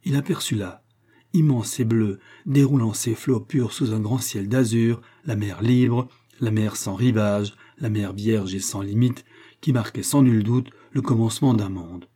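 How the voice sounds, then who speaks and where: A man reads an adventure novel aloud as an audiobook, measured and dramatic. His voice is low, dark and mellow, with a husky grain. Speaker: narrator.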